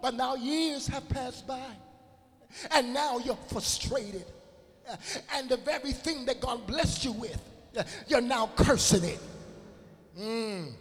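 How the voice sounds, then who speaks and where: High-voiced preacher whooping in a church. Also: male voice, animated, slow. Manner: chanting, sing-song preaching with frequent "uh" and shouted climaxes. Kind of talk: sermon. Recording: long hall reverb with faint music.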